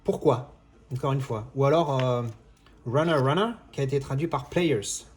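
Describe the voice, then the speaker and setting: A man's voice: mid-range voice, normal speed. A man talking casually in a vlog monologue, rambling with many restarts and exasperated asides. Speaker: video creator.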